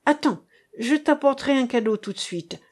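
A woman's voice: sits high, expressive, moderate pace, darkish tone, voice pushed up. Nervous, impatient father, put on by a woman reader, urgent and pressing, in a storybook reading.

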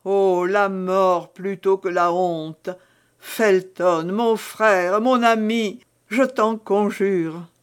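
A man's voice: sits high, slow pace. A man voicing a desperate, seductive noblewoman held captive, pleading theatrically in an audiobook reading. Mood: despairing.

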